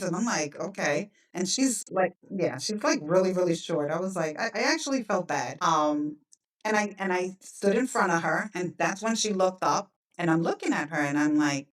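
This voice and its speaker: A woman's voice: lowish voice, recorded from a distance, low-quality recording. A woman guest on a talk show, telling her story in casual chat and acting out the lines she said. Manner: animated, acts out her own quotes.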